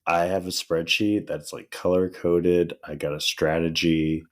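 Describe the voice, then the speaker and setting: In his thirties, this podcast co-host chats casually in a low voice at a measured pace, still hoarse, raspy and dry from recently losing his voice. He tells relaxed stories and laughs often.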